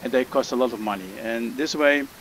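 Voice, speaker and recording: Briskly and in a fairly bright mid-range voice, a Dutch-accented gamer from the Netherlands talks through a fishing game tutorial, his casual commentary thick with fillers and hesitations. The low-quality recording has slight background noise.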